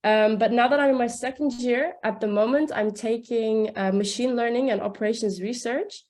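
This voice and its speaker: Here a second-year student from Turkey, a young adult, talks about her studies in a relaxed, chatty way, leaning heavily on "like." She speaks at a normal pace in a somewhat high, gently mellow voice.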